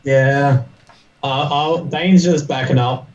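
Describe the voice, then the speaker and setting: A man's voice: medium pitch, steady tone, slow pace, a little mellow. A man chatting casually as a player in a tabletop game, on a muffled, distant mic.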